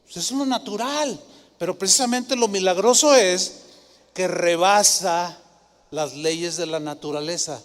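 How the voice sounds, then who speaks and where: A male pastor, preaching a sermon and telling stories with lively rhetorical questions. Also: high voice. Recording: long hall reverb.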